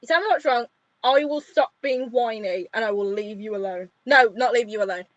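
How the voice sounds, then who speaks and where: A woman's voice: on the high side, fairly quick, no echo, highs cut off, lightly acted. A woman voicing a young female ship captain who fusses over a friend, earnest and pleading. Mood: pleading, caring.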